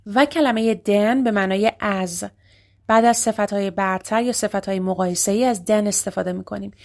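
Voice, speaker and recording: A woman with a Persian accent teaching an English grammar lesson, explaining quickly and reading English examples slowly and clearly. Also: mid-range voice, darkish tone.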